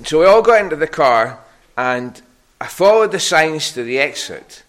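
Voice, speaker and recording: Bright-voiced Scottish Hebridean man preaching to children. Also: on the high side, normal speed. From Harris, Scotland. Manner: conversational, questioning, animated storytelling. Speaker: preacher giving a children's talk. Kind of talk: children's sermon told as a personal anecdote, with questions to the listeners.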